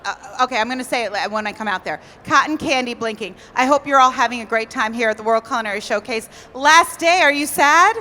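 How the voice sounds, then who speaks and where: A woman's voice: on the high side, fast talker, hardly any pauses, bright, forceful tone, big-room sound, slight background noise. A woman hosting a live cooking stage at a convention, bubbly and a little flustered. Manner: bubbly, flustered, laughing at herself. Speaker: event emcee. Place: large convention hall stage.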